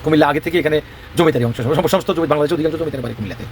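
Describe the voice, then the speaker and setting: Rapid-fire impassioned man with a Comilla accent. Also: a little high, a little hiss or hum. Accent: Comilla Bengali. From Bangladesh. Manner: rhetorical, combative, asks and answers his own questions. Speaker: regional advocate. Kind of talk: impassioned monologue.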